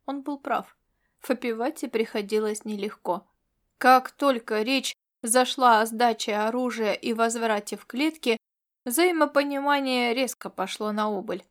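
A woman reading a science fiction audiobook in scripted narration, with expressive delivery. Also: on the high side, unhurried.

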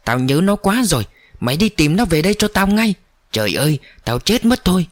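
A man's voice: a little high, lively intonation, normal speed, no echo, studio quality. A man doing a drunk, wailing father. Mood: anguished. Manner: wailing, shouting. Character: grieving drunken father, middle-aged man.

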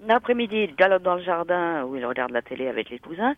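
Wry, gentle radio-drama father, close and dull-sounding. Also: on the high side, sing-song, fast talker, dry recording. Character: older father speaking to his grown son.

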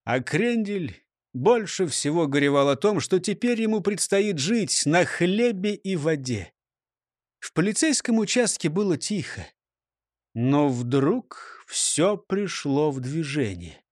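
A man reading a children's story aloud in an expressive storybook style. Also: fairly high pitch, takes it slowly, dry recording, clean studio sound. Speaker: narrator. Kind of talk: storybook narration.

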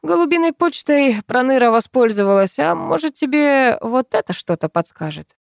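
A woman voicing a calm, sarcastic man who drawls his teasing remarks in a storybook. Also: high voice, normal speed, vocal fry, dry recording, clean studio sound, pitched above the performer's own voice, heavily acted. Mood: mocking. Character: calm mocking man, sly and unflappable.

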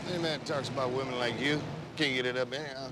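An actor playing a gruff, blunt police detective who challenges the man he is talking to. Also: medium pitch, steady tone, fast, very noisy, close to an everyday voice. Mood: challenging. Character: gruff hard-bitten male cop, challenging. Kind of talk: 1980s action film acting. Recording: film soundtrack with music behind.

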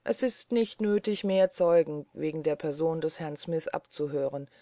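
A reader doing a stern measured judge. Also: mid-range voice, mellow, no room sound, studio quality, close to an everyday voice.

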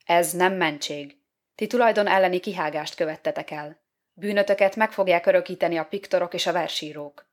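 A woman's voice: fairly low pitch, lightly acted. A woman voicing a stern, commanding male Lord who speaks formally and severely in a storybook reading.

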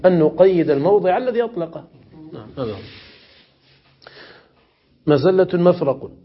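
A man teaching Arabic grammar in a classroom lesson, questioning his students and repeating examples slowly. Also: high voice, expressive, muffled recording. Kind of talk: classroom lesson explaining morphology.

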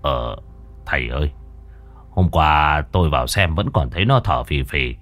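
A man voicing a bad-tempered village chief in a ghost story, gruff and blustering. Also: rumbling low, expressive, normal speed, a bit bright, voice pushed down. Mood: worried.

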